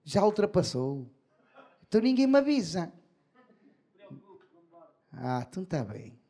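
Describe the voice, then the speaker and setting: A man's voice: high voice, sing-song, a little slow, mellow. A man doing bawdy, profane stand-up comedy at a live bar show, speaking into a handheld mic.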